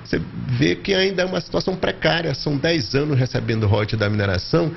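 A middle-aged man explaining things as a geologist in an office interview, pausing now and then, into a handheld mic. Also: on the high side, creaky, lo-fi sound, a little hiss or hum. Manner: explanatory, with hesitations. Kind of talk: interview answer. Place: office with bookshelves.

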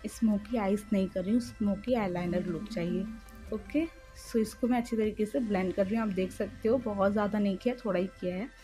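A young woman narrating her makeup tutorial as a voice-over, speaking slowly and softly at night with a chatty, friendly manner. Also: mid-range voice, over music. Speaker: beauty vlogger. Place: room in a house by a main road at night. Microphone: home voice-over recording.

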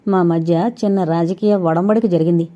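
A woman's voice: fairly low pitch, steady tone, normal speed, mellow, lightly acted. A woman reading the part of a guarded, teasing man in an audiobook, curt in manner.

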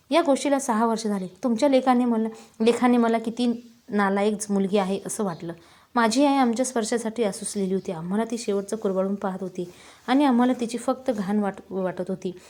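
A woman voicing a remorseful grown daughter, a tearful schoolteacher, in a slow, heavy, confessional way. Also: mid-range voice, mellow, lightly acted.

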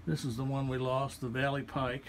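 A man with a mid-range voice speaks at a moderate pace, casually showing visitors around a small art gallery. As the artist, he points out each painting in turn, relaxed and folksy, during this informal walking tour. The handheld phone audio has a little hiss or hum.

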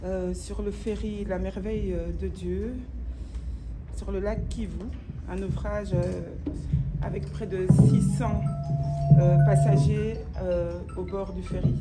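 A woman's voice: medium pitch, fairly even intonation, slow pace, over loud music. A woman moderating a public discussion with a handheld microphone, speaking hesitantly with many fillers. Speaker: event moderator. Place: dark event hall on stage, seated. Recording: echoey hall with noticeable background noise.

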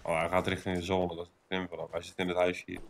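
A young man with a deep voice chats casually as he plays. The voice chat carries faint to clear noise and clicking. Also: little pitch movement, fast. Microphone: gaming voice chat.

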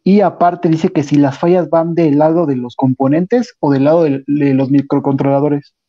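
A man hosting an online talk, reading out viewer questions in a relaxed way. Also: fairly high pitch, moderate pace. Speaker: host. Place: home room. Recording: dull muffled call audio.

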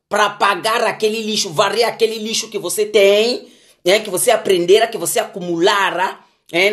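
A man with a rather high voice rants casually about life lessons. He repeats his points emphatically and keeps asking his listeners if they understand. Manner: repetitive, emphatic, chiding, rhetorical questions. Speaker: vlogger giving life advice. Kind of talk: casual motivational rant.

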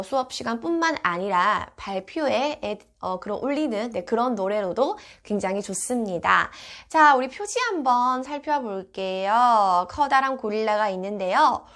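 A woman's voice: on the high side, a bit bright. A woman giving polite, encouraging instructional narration about children's picture books, as if for parents and teachers of toddlers.

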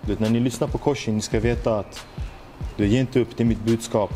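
Earnest young man, mellow voice. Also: medium pitch, steady tone, soft background music. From Sweden. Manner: earnest, reflective, heavy use of street slang and "du vet" fillers. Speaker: musician telling his story. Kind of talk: personal reflective monologue.

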